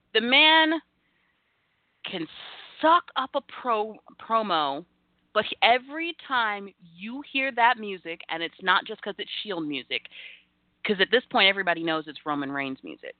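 A woman's voice: mid-range voice, normal speed, dry recording. Sassy woman on a tinny phone line. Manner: animated, sassy, acts out fan reactions. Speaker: podcast co-host. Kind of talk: casual wrestling chat.

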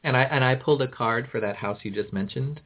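A man hosting a tarot phone-in, giving conversational readings and advice in a measured, explanatory way. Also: breathy edge. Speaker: phone-in tarot show host. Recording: muffled low-bandwidth call audio.

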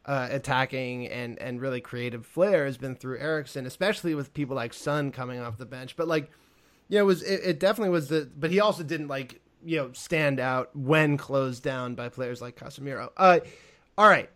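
A man hosting a casual football podcast, excitable, laughing often and swearing freely. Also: medium pitch, a little fast. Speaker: podcast host.

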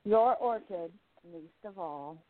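In an amateur radio play, a woman plays a spirited, independent young journalist, speaking earnestly and with feeling. Her voice is fairly low, animated and slow, and the audio has a tinny, phone-like quality.

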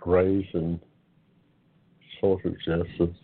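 An older man in his seventies hosts an online forum in a loose, unhurried monologue. His voice sits low, and he takes his time, pausing and stretching his words as he reflects. The sound is thin and boxy, like a phone call. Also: flat delivery. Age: 70s. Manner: unhurried and reflective, with many pauses and drawn-out words. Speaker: host of an online talk forum. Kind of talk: casual monologue. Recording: tinny phone-line sound.

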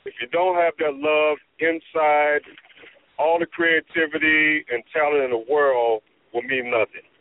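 A man's voice: fairly high pitch, a little slow. Middle-aged man on a tinny speakerphone. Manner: steady, encouraging advice-giving. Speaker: guest artist. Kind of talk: phone-in interview. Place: in a vehicle on the road.

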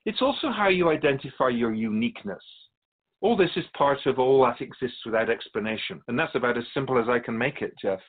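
A man voicing a calm, otherworldly being comes through thin, telephone-like sound with a natural, mid-pitched voice. Guesting in a radio drama interview, he sounds assured and instructive, explaining humanity to humans in a measured, knowing manner.

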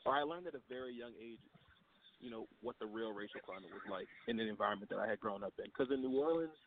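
A man's voice: mid-range voice, noisy background. Young man on a staticky phone line. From Louisiana. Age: 20s. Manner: polite, apologetic, restarts often. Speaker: guest. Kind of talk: radio call-in chat.

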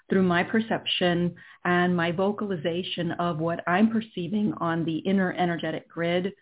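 Woman guiding meditation, thin phone-like sound. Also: on the low side. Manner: soothing, measured, with long pauses between phrases. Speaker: guided healing session host. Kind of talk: slow guided meditation narration.

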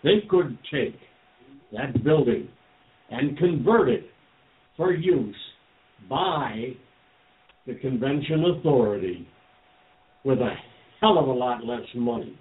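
A man's voice: medium pitch, animated, slow, pauses often. Older guy ranting blunt and salty, sounds phone-like. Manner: blunt, indignant, swears freely. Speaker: guest. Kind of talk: casual chat.

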